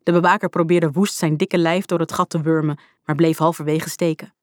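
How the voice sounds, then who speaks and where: A woman reading a storybook aloud in the first person, with a lively, vivid telling. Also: sits low, brisk, no room sound, studio quality. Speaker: audiobook narrator. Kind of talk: scripted storybook narration.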